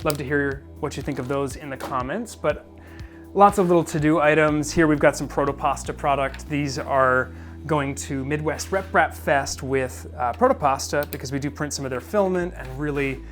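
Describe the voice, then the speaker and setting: A man giving an informal walk-through tour of his business, thinking aloud in a casual, self-deprecating way. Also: mid-range voice. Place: indoors, small business office and print shop.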